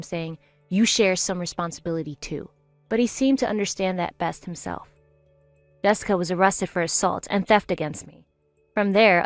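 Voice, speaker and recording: An older woman narrating a story in a quiet, matter-of-fact way. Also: mid-range voice, no echo, close to an everyday voice.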